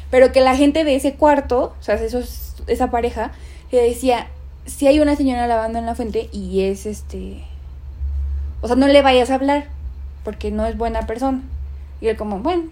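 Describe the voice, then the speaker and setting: Young woman telling a spooky story, animated, fillers everywhere, slightly high voice. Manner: animated, acts out quoted voices, many fillers. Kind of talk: casual chat, telling a ghost story.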